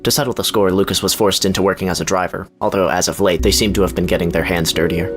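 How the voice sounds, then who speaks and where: Deep-voiced man chatting through a game. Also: fairly even intonation, fast talker, over music. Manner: chatty, giggly, reads game text aloud. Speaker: gaming YouTuber. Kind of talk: casual let's-play commentary.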